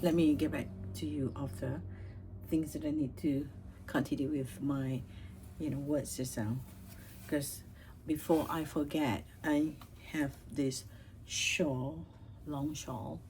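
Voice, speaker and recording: Woman beauty vlogger, low pitch, meandering chatty delivery full of restarts. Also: steady tone, takes it slowly, warm tone, soft background music, rough recording. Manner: rambling, chatty, many fillers and restarts. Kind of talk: casual makeup chat.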